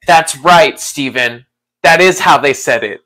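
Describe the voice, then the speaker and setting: A man hosting a casual livestream who rambles in a relaxed way, laughs often and talks to his chat. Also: a little high, measured pace. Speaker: livestream host.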